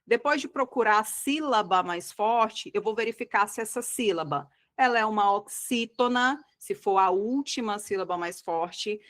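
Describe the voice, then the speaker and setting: Step by step, a Brazilian Portuguese-accented teacher explains grammar for exam prep, checking in with her class over and over with "tá?" and "tá bom?" Didactic in manner, she slows down to stress key words, her mid-range voice a bit bright.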